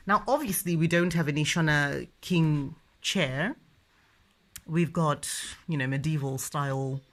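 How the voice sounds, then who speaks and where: A young woman giving a playful children's language lesson as a mother, with encouraging, sing-song questions and repetition. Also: lowish voice. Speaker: mother teaching her toddler.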